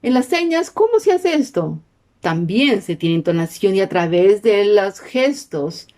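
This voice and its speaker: A sign language teacher with a medium-pitched, darkish voice explains her lesson step by step. She peppers her sentences with questions, constantly checking in with the class.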